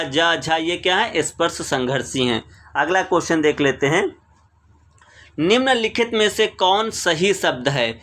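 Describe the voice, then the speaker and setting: A man's voice: fairly high pitch, a bit bright. A man teaching exam questions, reading each question, repeating it and explaining the answer. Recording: screen recording voice-over.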